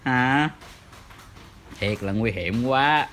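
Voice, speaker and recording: A man speaks in unhurried, drawn-out baby talk to his infant. He is playful and teasing, asking question after question. He records in a room at home, with a faint hiss in the background. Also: medium pitch, fairly bright tone. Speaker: father talking to his baby.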